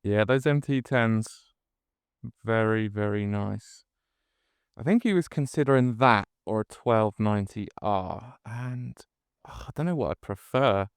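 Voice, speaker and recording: A man's voice: fairly low pitch, a little slow, clean tone, dry recording, clean studio sound. A British man vlogging casually from a motorbike, rambling informally into a helmet mic as he rides. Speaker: motovlogger. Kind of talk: casual vlog chat while riding. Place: outdoors on a moving motorbike. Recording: noisy helmet mic, engine hum. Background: motorbike engine and road noise.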